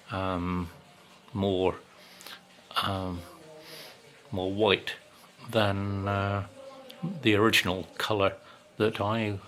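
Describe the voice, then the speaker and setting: A man's voice: on the low side, a bit bright. A man in his sixties chatting casually to camera as a vlogger, rambling and wry with lots of ums. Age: 60s.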